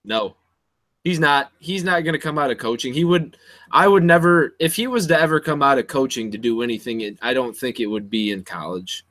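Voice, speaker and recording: A man's voice: medium pitch, a little fast, a bit bright, no echo. A young man co-hosting a casual sports chat, opinionated and making dry jokes. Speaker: co-host.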